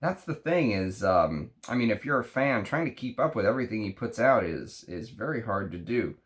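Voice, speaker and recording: A man with a Texas accent chatting unscripted through an unboxing, halting and thinking aloud as he reads out names. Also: fairly low pitch, expressive. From Texas, United States. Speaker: fragrance review show host. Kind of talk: unscripted unboxing chat, reading out names and notes.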